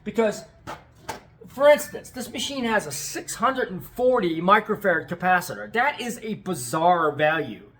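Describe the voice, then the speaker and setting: A man's voice: high-pitched, sing-song, normal speed, sharp tone. A middle-aged American man giving a casual, rambling vlog update as a restorer, enthusiastic and often repeating himself. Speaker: video tape restorer and channel host.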